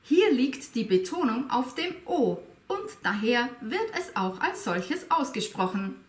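A woman hosting an educational video, explaining with a playful, expressive manner and asking viewers rhetorical questions. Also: high voice, measured pace. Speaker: language teacher and video host. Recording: echoey room, faint music behind.

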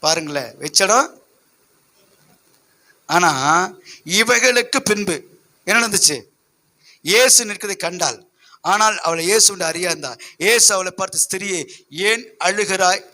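A man's voice: high-pitched, unhurried, long pauses, bright, forceful tone. A man preaching a sermon as pastor, emphatic and full of rhetorical questions to his listeners.

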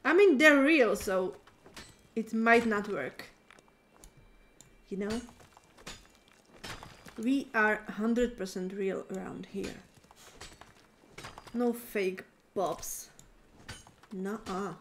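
A woman's voice: medium pitch, fairly even intonation, drawn-out words, pauses often, a little hiss or hum. A woman streamer chatting casually and playfully with her viewers while gaming. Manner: playful, teasing, talks to chat.

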